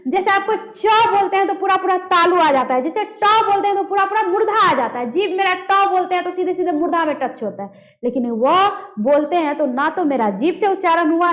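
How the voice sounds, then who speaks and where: A woman's voice: very high voice, fairly bright tone. A woman teaching a grammar lesson, demonstrating sounds aloud and quizzing her students. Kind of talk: classroom lesson on pronunciation.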